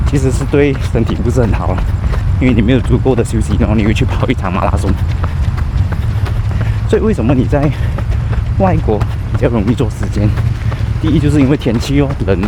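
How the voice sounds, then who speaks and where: A man with a Malaysian accent chats casually as he runs at an easy pace, mixing in some English words. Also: mid-range voice. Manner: talking while running at an easy pace; code-switches with English words. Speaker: running vlogger. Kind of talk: casual chat while running. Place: outdoors, on the move while running. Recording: outdoor street noise, passing vehicles.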